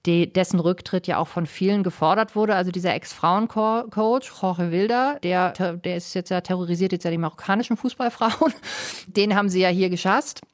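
This is a chatty woman reporting from Spain as a correspondent, her voice slightly low and a little fast. She tells her story in an animated, colloquial way, dropping in quoted asides, as part of a casual conversational interview report.

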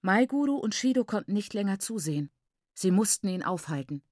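A woman's voice: mid-range voice, expressive, brisk, darkish tone, no room sound. Woman narrating an audiobook, dry. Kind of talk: scripted narration.

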